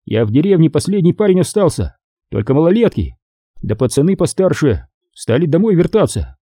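A rowdy young village soldier, loud, indignant and coarse, as a male narrator puts him on. His voice is pitched well above the narrator's own, husky and dark, and it jumps around wildly. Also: sing-song, fairly quick, dry recording, clean studio sound. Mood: indignant rant.

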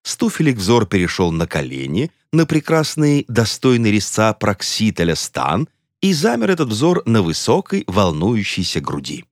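A man narrating a comic story in an expressive, mock-dramatic reading. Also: lowish voice, normal speed, dry recording, studio quality. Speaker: audiobook narrator.

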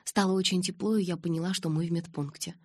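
Low, husky woman reading a novel. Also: steady tone, fast talker, dry recording, studio quality. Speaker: audiobook narrator. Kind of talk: first-person audiobook narration.

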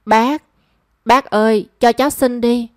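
A woman voicing a brisk, matter-of-fact young female friend. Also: on the high side, steady tone, darkish tone, no echo, clean studio sound, lightly acted. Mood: pleading.

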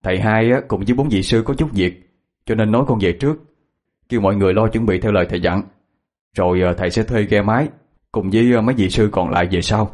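A man voicing a devoted young man, speaking softly and tenderly. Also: fairly low pitch, quick pace, natural voice. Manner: soft, tender pleading.

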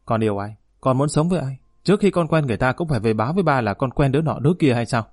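A man's voice: medium pitch, lively intonation, no room sound, studio quality, lightly acted. A man reading as a sulky defiant son. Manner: defiant, rapid, whining. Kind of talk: audiobook narration.

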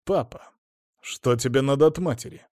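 A man's voice: mid-range voice, moderate pace, a little mellow, no room sound, studio quality, close to an everyday voice. A man reading as a blunt, protective young son. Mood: irritated. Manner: blunt, irritated.

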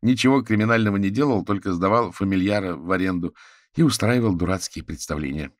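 A man's voice: low-pitched, quick pace, dry recording, voice pushed up, natural voice. Man playing a self-satisfied male sorcerer, chatty, dry close recording. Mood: pleased. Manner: lively, pleased with himself. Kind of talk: audiobook character voice.

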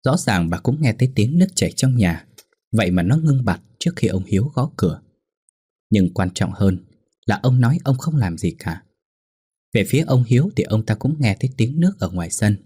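A man narrating a ghost story in a steady, suspenseful way. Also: on the low side, brisk, husky, dry recording, clean studio sound.

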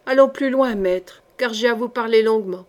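An imperious queen, as a woman reader speaks her, brief and commanding, expecting obedience. A fairly high female voice telling a historical novel. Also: normal speed, a little mellow, close to an everyday voice.

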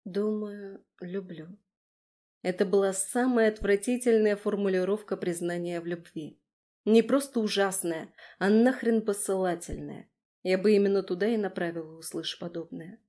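A woman narrating a first-person audiobook with lively, ironic delivery. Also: mid-range voice, moderate pace. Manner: lively, ironic, voices dialogue.

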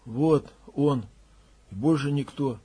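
A man voicing a sullen, starving male camp leader who mutters flatly and evasively. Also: takes it slowly, slightly rough. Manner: flat, muttering, low.

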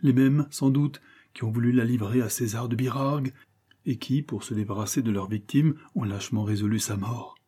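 A man voicing an impassioned young male avenger with a husky voice and declamatory delivery. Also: medium pitch, moderate pace, dark tone, close to an everyday voice. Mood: indignant. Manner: declamatory, rising to vehement cries. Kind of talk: audiobook character reading.

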